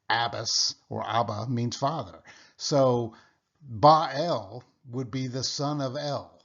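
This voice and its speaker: A man teaching a casual Bible study lecture, explaining step by step, often pausing with "uh" and restarting his sentences. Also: medium pitch, dull audio. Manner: halting, with frequent "uh" and restarts; explanatory, checks in with "okay?".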